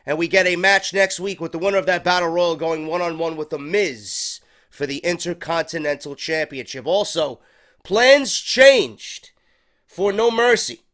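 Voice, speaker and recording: A New York man with a slightly high, somewhat bright voice hosts a casual wrestling review show at normal speed, stuffed up with a head cold. His talk is unscripted and rambling, full of free swearing.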